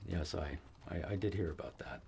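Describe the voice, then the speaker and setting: An actor playing a weary cavalry fort commander in a western film, giving measured, authoritative orders. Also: male voice, sits low, creaky, darkish tone, a little hiss or hum. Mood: stern. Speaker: army post commander.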